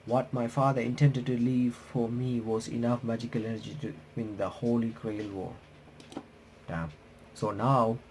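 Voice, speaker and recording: The host of a game playthrough and reaction channel reads on-screen text aloud and adds casual commentary, frequently stumbling and correcting himself. His voice is mid-range with a darkish tone, and there's slight background noise.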